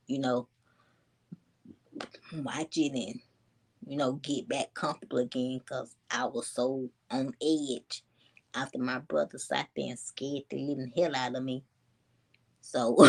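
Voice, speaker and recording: A woman, casually telling a story to her viewers in a chatty, animated way. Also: a bass voice. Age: 20s. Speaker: vlogger.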